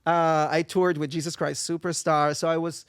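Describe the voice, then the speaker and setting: A man's voice: fairly high pitch, level tone, normal speed, smooth, no room sound, clean studio sound. A young man from Israel with an Israeli accent, a native Hebrew speaker, chatting as a podcast guest and stopping often to search for English words. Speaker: guest, singer and performer. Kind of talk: casual interview chat.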